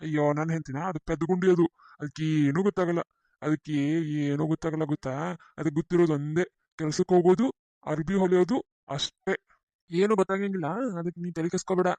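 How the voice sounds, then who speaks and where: A woman with a North Karnataka accent voicing a smug cheating husband who flatters his lover and mocks his wife. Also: low-pitched, fast talker, no room sound, lightly acted. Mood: smug flattering. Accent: North Karnataka Kannada. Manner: flattering, boastful. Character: smug cheating village husband, sweet-talking and boastful.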